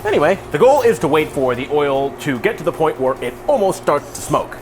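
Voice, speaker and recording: A man's voice: on the high side, big pitch swings, a little fast. A tipsy man hosting a casual cooking tutorial in a loose, jokey way, with mock-formal wording and wry asides. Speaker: cooking video host. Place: home kitchen. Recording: sizzling pan and kitchen noise. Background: frying sizzle.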